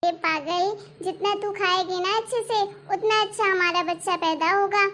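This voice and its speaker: A woman's voice: extremely high pitch, normal speed, a bit bright, slight background noise. A woman voicing an earnest young daughter-in-law in a cartoon story, pleading and hurt. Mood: caring.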